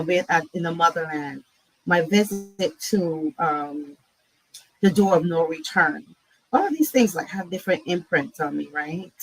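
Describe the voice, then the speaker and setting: A woman's voice: fairly low pitch, husky, no room sound, poor audio. A woman from Barbados, a guest speaking reflectively in an interview and often asking "right?". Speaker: guest, nonprofit CEO. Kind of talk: conversational interview.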